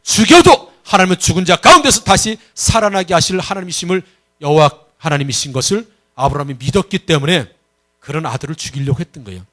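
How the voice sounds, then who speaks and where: A man's voice: a little high, expressive, fast, fairly bright tone. A male pastor preaching a Sunday sermon, emphatic, firing questions at the congregation and telling a personal story. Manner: tells a personal story with acted-out voices.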